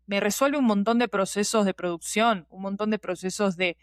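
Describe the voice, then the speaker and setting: Her voice sits in the middle range and keeps a moderate pace, captured as clean studio sound with no room noise. She's a Rioplatense-accented audio fiction producer guesting on a podcast. She offers opinions informally, peppering the talk with slang and frequent tags.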